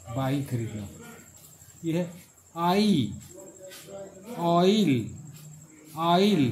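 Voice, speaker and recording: A middle-aged man gives a classroom phonetics lecture, repeating each word and stretching it out as he explains. His voice is fairly high with a darkish tone, and his explanations are slow and repetitive.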